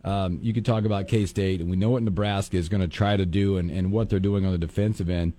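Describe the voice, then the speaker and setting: Male radio host, mellow lower voice, playful and joking. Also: steady tone, fast talker. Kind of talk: casual radio chat.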